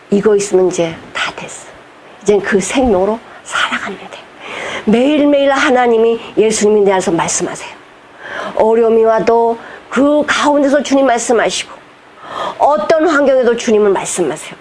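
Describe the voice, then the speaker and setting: A woman's voice: fairly high pitch, a little mellow, slight background noise. A woman pastor preaching a sermon, emphatic and direct, firing rhetorical questions at the congregation and slipping between formal preaching and casual speech.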